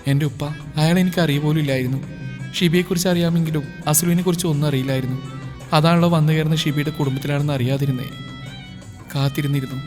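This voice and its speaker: Man reading a sad young wife part, quiet and pleading, his own voice, roomy echo and soft music. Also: a little high, fairly even intonation, quick pace, close to an everyday voice. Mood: regretful. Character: young wife, guilt-ridden and tearful. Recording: reverberant with faint music.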